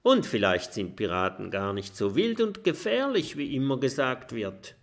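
A man's voice: mid-range voice, sing-song, normal speed. A man voicing a young boy dragon in a children's audiobook, eager and adventurous. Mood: musing.

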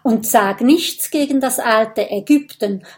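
An eager little boy fire dragon from a storybook, voiced by a woman reader. He talks with bright curiosity, keen on secrets and adventure. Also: on the high side, slow pace. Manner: eager, bookish, lively.

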